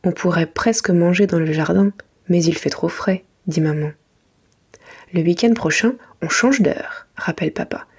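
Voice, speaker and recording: Breathy woman whispering a bedtime story softly. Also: fairly low pitch. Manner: gentle, hushed like a library whisper, unhurried careful reading. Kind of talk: soft whispered ASMR reading of a children's bedtime storybook.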